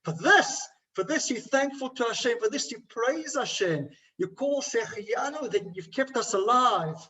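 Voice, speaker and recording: A man's voice: high-pitched, normal speed, far from the mic, lightly acted, low-quality recording. A man voicing an anguished adult male camp inmate who bitterly and pleadingly questions, his voice raised.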